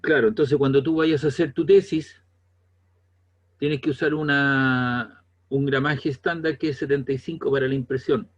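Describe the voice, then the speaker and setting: A man's voice: mid-range voice, fairly even intonation, moderate pace, highs cut off. A man with a Chilean accent giving a classroom lecture in a conversational way, often checking whether the students follow. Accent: Chilean Spanish. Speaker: teacher.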